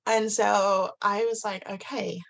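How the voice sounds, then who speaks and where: A woman guest telling a personal story in casual conversation, animated, full of "like" and restarts, acting out what people said. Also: on the low side, normal speed, vocal fry, breathy edge. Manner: animated, many "like"s and restarts, acts out quotes.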